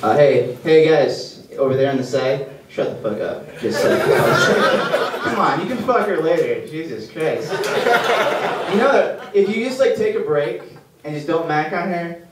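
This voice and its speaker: A man's voice: on the high side, very animated, unhurried. A man doing a rambling, awkward, self-deprecating stand-up set on a comedy club stage. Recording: echoey club room, mic far off, loud hiss.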